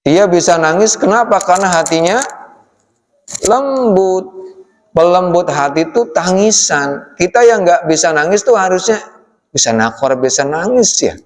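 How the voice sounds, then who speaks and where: A man giving a relaxed study-circle sermon in a mosque, speaking with a tinge, often tagging his lines with "ya" and addressing the men as "Pak". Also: high voice, unhurried. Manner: folksy, addresses the audience as "Pak", frequent "ya" tags. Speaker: preacher. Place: mosque hall. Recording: long hall reverb from a mosque.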